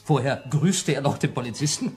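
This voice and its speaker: A man's voice: medium pitch, animated, brisk, darkish tone, soft background music, close to an everyday voice. An actor playing a cheeky young male student who eagerly tells friends a wild story, laughing and mimicking voices in a radio play. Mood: amused storytelling. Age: young adult. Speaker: schoolboy telling friends his adventure. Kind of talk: German radio play acting.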